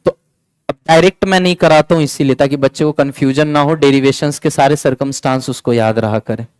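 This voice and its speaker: A man's voice: medium pitch, steady tone, brisk, darkish tone, smooth, no room sound, low-quality recording. A man teaching a physics lecture in mix, chatty and coaxing, repeating key points and scolding students playfully. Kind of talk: classroom lecture.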